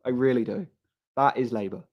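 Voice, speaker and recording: Guy on a livestream, chatty and rambly, keeps repeating himself, mid pitch. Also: brisk, dull audio. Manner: rambling, repeats phrases, frequent restarts. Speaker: livestream host. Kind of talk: casual live-stream commentary reading chat.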